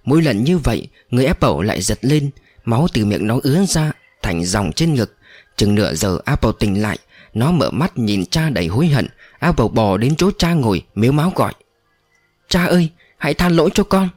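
A man narrating a dramatic story in an expressive reading voice. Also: medium pitch, a little fast, no echo, faint music behind.

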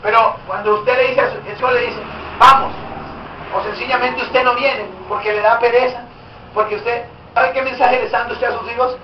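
A man's voice: very high-pitched, flat delivery, fairly quick, dull audio, slight background noise. A male pastor preaching a sermon, exhorting the congregation with direct questions, recorded in a church hall.

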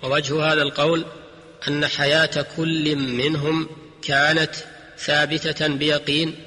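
A man delivering a formal, scripted religious radio lecture in measured classical Standard Arabic. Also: a little high, flat delivery, bright, forceful tone. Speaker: radio lecturer on Islamic jurisprudence. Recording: long hall-like reverb.

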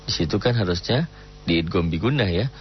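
A man teaching the rules of Quran recitation in a patient lesson, stopping to chant examples slowly and melodically. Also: low voice, expressive, lo-fi sound, slight background noise. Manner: explains rules patiently, breaks into slow melodic recitation of Arabic.

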